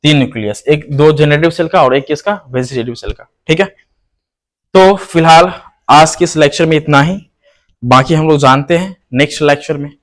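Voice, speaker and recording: A man with a slightly high voice speaks at a moderate pace in his online biology lecture. He questions his students, then answers for them and repeats the key terms, all while calling the viewer "hero."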